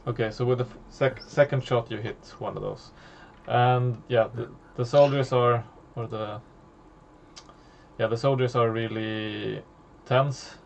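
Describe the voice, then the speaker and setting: Gravelly game master man. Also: medium pitch, fairly even intonation, muffled recording, slight background noise. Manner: halting, many fillers and restarts. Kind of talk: narrating a tabletop horror game.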